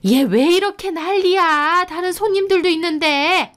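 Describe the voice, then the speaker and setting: A woman's voice: extremely high pitch, normal speed, fairly bright tone, voice pushed up. A woman voicing an older mother-in-law who scolds indignantly, in a story narration. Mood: indignant scolding.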